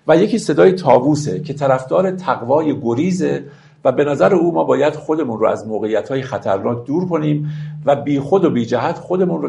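A man giving a lecture on classical verse, reciting lines slowly and then explaining them in a conversational tone. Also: mid-range voice, creaky, a little mellow. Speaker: teacher of classical poetry.

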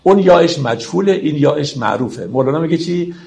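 A man's voice: a little high, expressive, vocal fry, a little mellow. A man giving a reflective lecture on classical poetry, reciting verses and explaining them patiently to his listeners. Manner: explains slowly, recites verse, addresses friends.

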